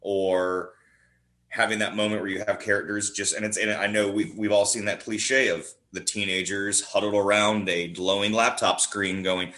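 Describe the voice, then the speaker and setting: The man, a horror writer and performer appearing on a podcast, chats casually with the emphatic, informal enthusiasm of an eager fan. His voice is on the low side and level, at normal speed, with a pushed, bright quality.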